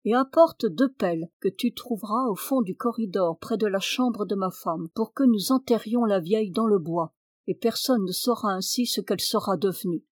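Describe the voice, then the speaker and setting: A woman voicing a cruel, quick-tempered male lord who shouts orders at his servant in a folk tale. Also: mid-range voice, dry recording, studio quality, natural voice. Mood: commanding. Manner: shouting and commanding.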